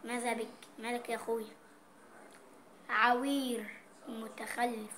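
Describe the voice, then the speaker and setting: A woman's voice: a little high, level tone, unhurried, a bit bright. A woman with an Egyptian accent, chatting playfully in a vlog as she reads out dialect words and explains what they mean. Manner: playful, reading out dialect words and their meanings. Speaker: vlogger. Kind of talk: casual vlog chat.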